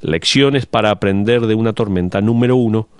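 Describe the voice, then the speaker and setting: A man voicing a dubbed sermon over the picture, preaching in a measured, emphatic way. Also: on the low side, clean tone, dry recording.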